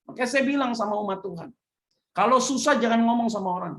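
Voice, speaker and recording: A woman pastor, preaching a sermon that swings from hushed to loud emphasis. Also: on the high side, fast.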